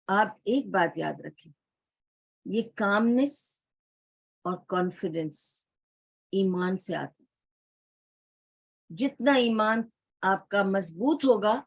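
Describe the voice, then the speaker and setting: A woman lecturer tells a religious story in a calm, explanatory way and speaks straight to her listeners. She drops English words into her speech. The recording is dry and close, with no room sound. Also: mid-range voice, breathy edge, no room sound. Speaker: Islamic studies lecturer.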